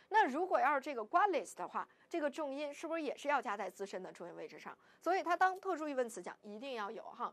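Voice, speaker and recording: A woman teaching a grammar lesson in a high, bright voice. Her pitch jumps all over as she asks the class questions and answers them herself, checking often that everyone follows. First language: Chinese. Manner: frequent checking tags like "right?". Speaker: Spanish teacher.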